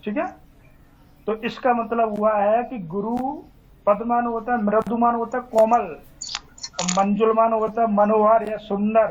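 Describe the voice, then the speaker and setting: A man's voice: sits high, flat delivery, a little slow, a little hiss or hum. A male teacher giving a classroom lecture on Hindi grammar, asking questions and answering them himself in a repetitive drilling manner. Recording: dull lo-fi recording.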